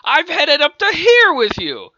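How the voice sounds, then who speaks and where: A man doing a shrill, hot-tempered villain henchman. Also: lively intonation, measured pace, bright, forceful tone, dry recording, exaggerated voice. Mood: angry yelling. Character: loud angry male villain henchman. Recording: dull lo-fi dry home recording.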